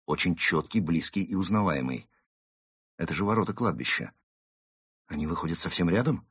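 A sharp-tongued cat from a storybook mocks and scolds in a raised, husky voice, as a man puts him on. The delivery is firm and loud. The sound is dry and close. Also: low-pitched, expressive, moderate pace, no room sound, exaggerated voice. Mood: scornful. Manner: mocking and scornful. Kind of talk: audiobook character reading.

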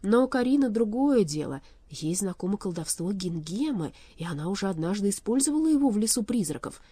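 A woman voicing a calm, wise good sorceress who speaks in a firm, measured way. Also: mid-range voice, breathy edge, dry recording, voice pushed up. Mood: serious.

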